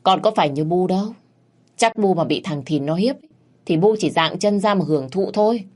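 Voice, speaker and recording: A woman's voice: fairly low pitch, normal speed, a little mellow, close to an everyday voice. A woman voicing a blunt, defiant young wife who answers back sharply.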